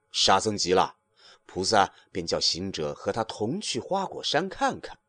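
A man telling a classic tale in an expressive, dramatic way. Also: medium pitch, dry recording. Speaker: storyteller. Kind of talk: storybook narration.

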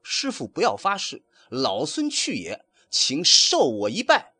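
A man voicing a brash, cocky male monkey king who pleads and boasts in high, strained cries. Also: wildly swooping pitch, measured pace, pushed and bright, slightly rough, dry recording, full character voice. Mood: boastful.

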